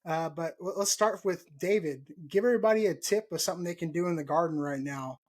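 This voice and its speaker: A Texas man in his thirties hosts a casual gardening podcast over a video call from a room at home, laughing often and repeating himself. His voice is a little high and quick-paced.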